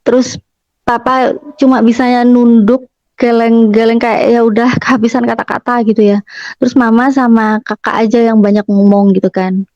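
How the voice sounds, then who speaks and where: A woman's voice: on the high side, flat delivery, moderate pace, a little mellow, no room sound. Chatty young woman telling her story. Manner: chatty, retelling family dialogue with fillers. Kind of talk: personal testimony storytelling. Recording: muffled dry recording.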